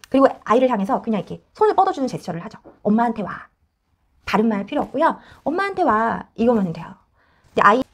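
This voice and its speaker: Animated fast-talking woman counselor. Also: fairly high pitch. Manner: animated, acts out quoted voices. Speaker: child counselor. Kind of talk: explanatory parenting advice talk.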